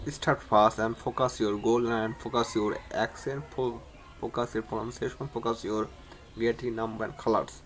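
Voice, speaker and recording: A man teaches beginner English on his own channel in a casual spoken lesson. His delivery stays flat, with little rise or fall, and he often stumbles and repeats words. A faint noise sits under the recording. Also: medium pitch. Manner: repetitive, many restarts and stumbles.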